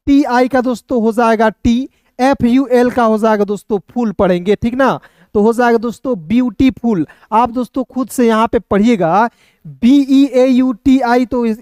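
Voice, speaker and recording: A man's voice: very high voice, darkish tone, clean tone, dry recording, studio quality. Patient man teaching English phonics. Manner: patient, repetitive, constantly addresses viewers as friends. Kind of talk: online phonics lesson.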